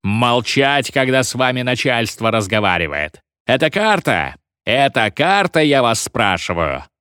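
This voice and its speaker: A man's voice: medium pitch, big pitch swings, a little slow, bright, forceful tone, clean tone, no room sound, clean studio sound. A man voicing a furious, bellowing male school headmaster who rants and threatens. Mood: ranting. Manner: roaring, ranting, threatening.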